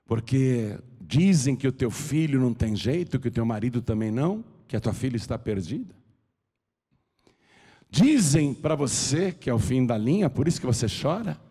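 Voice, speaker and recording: A man with a Brazilian Portuguese accent preaching a sermon as pastor, his voice swinging from hushed to shouting. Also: medium pitch, sing-song, moderate pace, slightly rough, long reverb tail.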